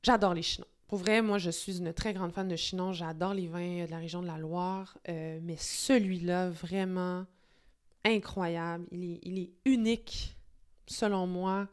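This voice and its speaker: A woman's voice: fairly low pitch, steady tone, a little slow, smooth. A young woman with a Québécois French accent, hosting a casual wine review to camera, enthusiastic and chatty with many fillers and restarts. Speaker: wine show host.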